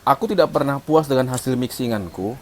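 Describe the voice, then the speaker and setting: A man's voice: mid-range voice, brisk, darkish tone, a little hiss or hum. A man co-hosting a casual chat, explaining at length about mixing music and imitating sounds as he goes. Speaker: co-host, music mixing engineer.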